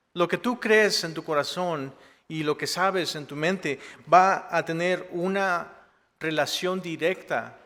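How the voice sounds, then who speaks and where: Un pastor asistente mexicano que predica un sermón en tono cercano, con bromas y preguntas retóricas como «¿verdad?». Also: male voice, a little high, pushed and bright, in a large hall. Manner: conversational, joking asides with rhetorical "¿verdad?". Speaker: assistant pastor. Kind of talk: sermon. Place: church sanctuary.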